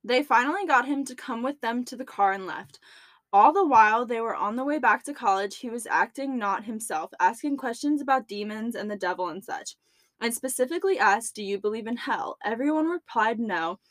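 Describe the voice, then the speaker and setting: A woman's voice: fairly high pitch, animated, moderate pace, a bit bright, dry recording. A young woman co-hosting a podcast, reading a story aloud and chatting casually, laughing between lines. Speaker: podcast co-host.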